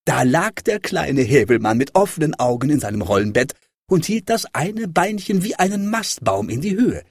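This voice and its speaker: A man reading a children's fairy tale aloud with expressive, dramatic delivery. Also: a little high, normal speed, slightly rough, no room sound, clean studio sound. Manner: lively, dramatic rises and falls. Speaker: storyteller.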